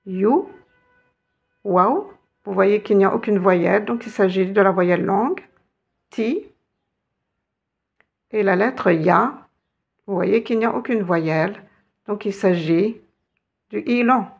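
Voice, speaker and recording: A woman's voice: mid-range voice, slow pace, vocal fry, long pauses, breathy edge. A woman teaching a lesson, patiently guiding learners step by step and spelling out letters. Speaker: Arabic teacher.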